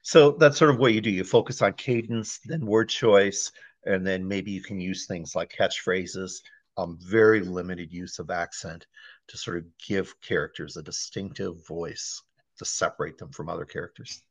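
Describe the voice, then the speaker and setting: A man from Wisconsin, a guest editor and author, explaining writing craft in a relaxed conversational interview and often checking in with "right?". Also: low-pitched, normal speed, no echo. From Wisconsin, USA.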